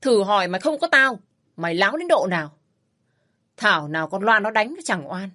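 A woman's voice: a little high, animated, normal speed, voice pushed up. A woman voicing an angry, domineering old father-in-law who scolds harshly in a raised voice. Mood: furious scolding.

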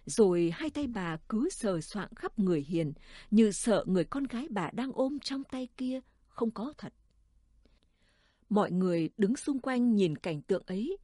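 A woman narrating a story in a calm, measured audiobook reading. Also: medium pitch, no echo, clean studio sound.

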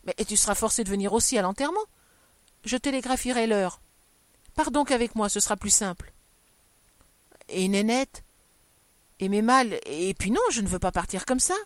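A woman reading aloud, voicing an impulsive, nervous bourgeois wife who pleads and exclaims in a raised, higher voice. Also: normal speed, pauses often, dry recording, natural voice. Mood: insistent. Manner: excitable, pleading, higher and louder than the narration.

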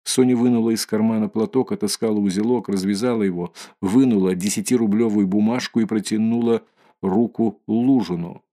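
A man narrating a classic novel in a measured, even reading. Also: lowish voice. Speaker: audiobook narrator. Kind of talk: scripted narration.

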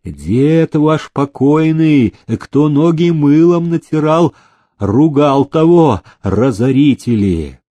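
A man's voice: a little high, expressive, slow, warm tone, no echo, voice pushed up. A man playing a scandalized fussy steward. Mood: aghast. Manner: aghast, scolding. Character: fussy male estate steward, scandalized and scolding.

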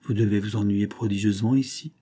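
A man's voice: on the low side, fairly even intonation, quick pace, warm tone, slightly rough. A man voicing a self-assured young hunter who sketches and speaks in a mocking, familiar way. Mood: apologetic. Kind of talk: audiobook character reading.

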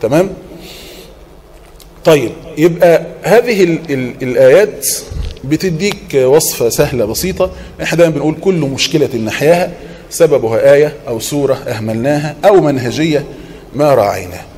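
A man with an Egyptian accent and a slightly high voice gives a sermon, reciting verses slowly and with weight. He swings from loud emphatic points to gentle, hushed reassurance. The recording carries a faint background hiss. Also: lively intonation. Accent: Egyptian Arabic. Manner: asks the listener rhetorical questions and answers them; quotes Quranic verses in a measured chanting tone. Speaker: preacher. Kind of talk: Islamic sermon podcast.

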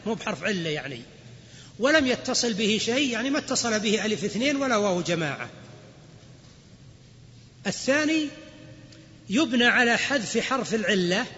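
Man, grammar lecture, quizzes students, high voice, dull lo-fi recording. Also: pushed and bright. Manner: explains then quizzes students. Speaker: Islamic scholar teaching grammar. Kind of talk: classroom lecture. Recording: lo-fi recording with long hall reverb.

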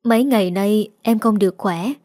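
Quiet meek young wife, woman reading her, dry sound. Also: medium pitch, normal speed, dry recording, lightly acted.

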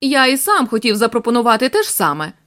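A woman reading the part of a shrewd elderly male detective who speaks in a calm, firm way. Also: fairly high pitch, fast. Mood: measured.

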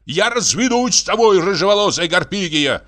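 A man's voice: high-pitched, measured pace, pitched above the performer's own voice, heavily acted. Hot-headed painter husband in a comic storybook, as a man puts him on, raised voice. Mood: angry. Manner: excitable, indignant. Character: hot-tempered painter husband, shouting and indignant.

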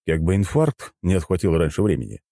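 Deep-voiced male audiobook narrator. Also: a little fast, vocal fry, no echo, studio quality. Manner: steady storytelling. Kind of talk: first-person audiobook narration.

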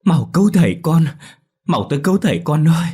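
A man's voice: big pitch swings, a little fast, dark tone, husky. A man voicing an elderly wife begging for help for her sick husband, in a spoken story. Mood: panicked. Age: older. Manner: shrill, panicked pleading.

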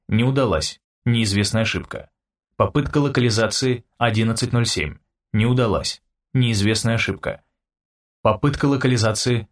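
A man doing a flat, clipped computer system voice. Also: lowish voice, distant mic, lightly acted. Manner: flat, clipped, measured announcements. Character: impersonal computer system voice reading logs.

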